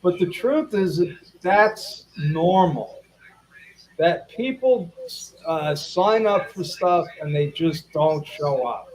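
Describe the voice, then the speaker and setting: A man's voice: on the high side, animated, slow, low-quality recording. A man hosting a casual live interview, chatty, repeating himself and talking to viewers as folks. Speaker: interview host.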